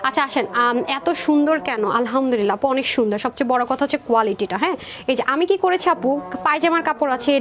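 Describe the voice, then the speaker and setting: A woman presenting dresses in a live sales stream, chatty and rapid, calling viewers sister. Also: sits high. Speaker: online clothing seller.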